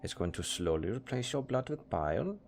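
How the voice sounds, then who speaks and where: This man's mid-range voice is creaky and a little mellow, with a faint hiss or hum, and he speaks fairly quickly in a sing-song way. He plays a chatty, practical necromancer and ex-tailor in an intimate audio roleplay, sounding businesslike and upbeat as he casually discusses grisly work.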